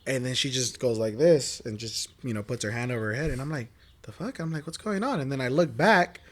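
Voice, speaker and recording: A man's voice: medium pitch, fast talker. A young man on a podcast telling a story casually, swearing and acting out what people said. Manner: animated, swearing, acts out quotes. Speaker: podcast guest.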